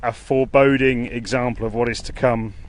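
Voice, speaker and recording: A man giving an earnest, halting, unscripted live news report outdoors in a storm, speaking into a phone. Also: mid-range voice, fairly even intonation. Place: outdoors near a hotel in a storm. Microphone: phone held by the speaker. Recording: noisy outdoor wind and rain. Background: storm ambience.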